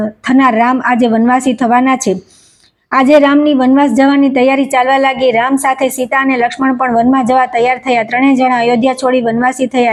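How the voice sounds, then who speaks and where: A woman with a Gujarati accent reciting a devotional scripture story in steady, even recitation. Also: a little high. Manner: steady recitation, even delivery, quoted dialogue read without acting.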